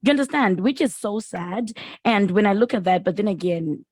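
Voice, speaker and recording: Expressive woman host. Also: medium pitch, moderate pace, slightly rough, no room sound. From Zimbabwe. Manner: expressive, laughs often, frequent "mm" backchannels. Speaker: radio podcast host. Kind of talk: casual interview.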